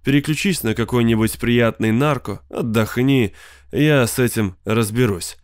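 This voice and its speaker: A man's voice: medium pitch, normal speed, no echo, clean studio sound, natural voice. A man voicing an irritable, self-important husband who makes indignant demands in an audiobook. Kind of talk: audiobook character voice.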